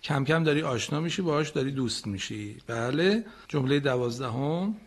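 Speaking at a medium pitch, a man gives an animated, slightly rough-voiced radio lesson on reciting the Quran. He patiently corrects students and models lines slowly, now and then in a chant.

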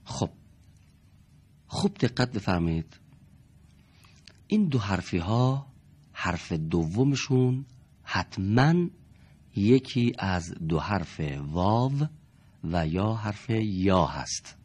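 Low husky guy teaching a reading lesson, draws words out slow, voice goes up and down a lot. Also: big pitch swings, a little mellow. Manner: slow, stretched-out demonstration of words. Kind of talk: classroom lesson.

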